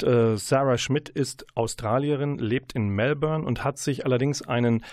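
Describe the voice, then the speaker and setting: Ein Radiomoderator stellt locker Bücher und Hörbücher vor, oft mit kleinen Ähs. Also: male voice, medium pitch, a little mellow, no room sound, clean studio sound. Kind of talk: Radiomoderation, Buchvorstellung.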